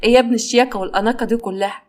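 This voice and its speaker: A blunt male friend who scolds and teases, played by a woman with an Egyptian accent. The talk is fast and sits a touch high. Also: fairly even intonation, a little mellow, natural voice. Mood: scolding.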